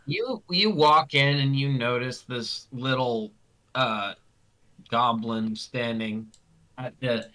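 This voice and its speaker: A man narrating as game master of a tabletop game, halting and full of restarts. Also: medium pitch, pushed and bright, poor audio.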